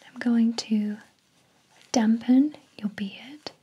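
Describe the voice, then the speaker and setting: A woman whispering gently as a spa therapist, her voice airy and breathy all the way through. She speaks slowly and soothingly, a touch higher in pitch, with a mellow, soft edge to every word. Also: fairly even intonation, dull audio. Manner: soft, soothing, slow and attentive. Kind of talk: whispered ASMR roleplay.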